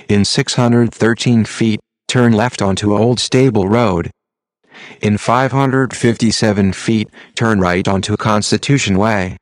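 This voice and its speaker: A man's synthetic text-to-speech voice giving turn-by-turn driving directions in a flat, measured, impersonal way. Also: fairly low pitch, no echo. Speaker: GPS navigation voice.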